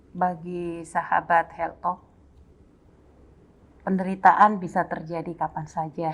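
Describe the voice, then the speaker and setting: A woman's voice: on the low side, rough recording. A woman giving a formal, encouraging closing message to listeners. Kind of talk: closing exhortation.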